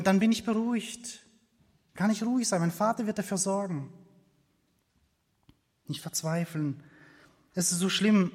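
Speaking in a high voice, a man preaches with slow earnestness, building his sermon through repetition and now and then falling almost to a whisper. A church hall's lingering echo surrounds him.

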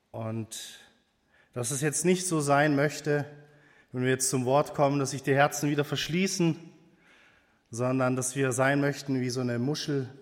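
A man preaching a sermon in a church, speaking slowly and hesitantly with pauses and fillers. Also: medium pitch, big-room sound.

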